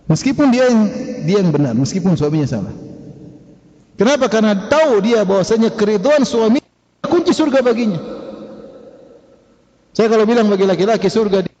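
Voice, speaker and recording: A man's voice: high voice, animated, fairly quick, pauses often, mellow. A male preacher giving a conversational sermon, questioning the audience and laughing now and then. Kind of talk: sermon lecture. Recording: dull reverberant hall recording.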